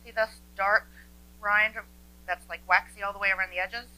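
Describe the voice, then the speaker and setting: A woman's voice: mid-range voice, steady tone, normal speed, pushed and bright, poor audio. Chatty woman hosting a cooking show. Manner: chatty, explains tips while cooking. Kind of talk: casual cooking demonstration. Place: home kitchen, indoors.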